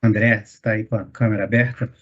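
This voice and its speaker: A man hosting an online meeting, explaining at length with many filler pauses over a video call. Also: lowish voice, flat delivery, breathy edge. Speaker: meeting host explaining the program. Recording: muffled call audio.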